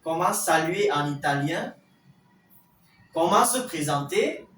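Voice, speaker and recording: A man teaching a language class, explaining exercises slowly and deliberately, step by step. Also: fairly high pitch, animated, a bit bright. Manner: slow, deliberate, spelling out each step. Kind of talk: classroom instruction. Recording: echoey room from a distance, faint hiss.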